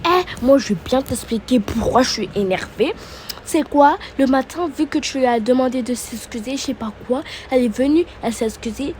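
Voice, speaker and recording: A furious young woman from a home-made reality-show role-play, as a woman voices her, ranting in quick heated bursts and stumbling over her words. Her voice sits fairly high. A faint hiss runs behind her. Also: a little mellow, natural voice. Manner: fast, heated, repeating herself.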